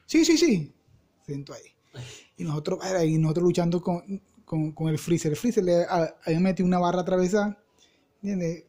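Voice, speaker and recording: A young Venezuelan man with a mellow, relaxed tone tells a story on a podcast. He is full of slang and jumps into little voices for everyone in it. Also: high voice, brisk. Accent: Venezuelan Spanish. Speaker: podcast co-host. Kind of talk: casual storytelling chat.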